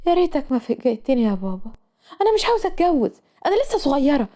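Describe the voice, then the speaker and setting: A woman performs a sulky young female student with an Egyptian Arabic accent, whining and complaining dramatically. Her voice sits high with big pitch swings and a dark tone, racing along.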